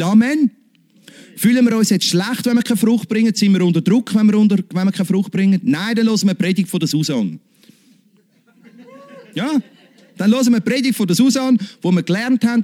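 Emphatic high-voiced preacher. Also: male voice, dark tone. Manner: emphatic, swinging pitch, calls out Amen. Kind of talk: sermon.

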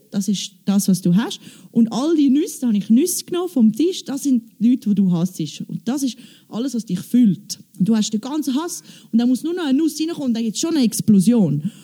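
Woman on stage, dark mellow voice, chatty testimony full of quoted dialogue. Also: a little high. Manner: animated storytelling, quoting with "ich so, sie so". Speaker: church member giving testimony.

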